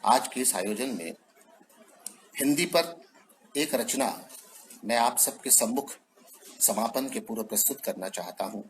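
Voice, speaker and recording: A man speaking as a guest at a Hindi Day event, telling a funny story with chuckles and reciting verses slowly. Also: medium pitch, animated, slight background noise, rough recording.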